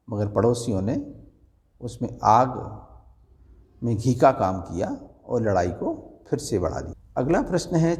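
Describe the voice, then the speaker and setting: A man teaches a lesson, going through exam questions one by one and explaining each answer step by step. His voice is warm and mellow, and his pitch rises and falls a lot. A long reverb hangs behind him. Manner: explains step by step, lively rising and falling pitch.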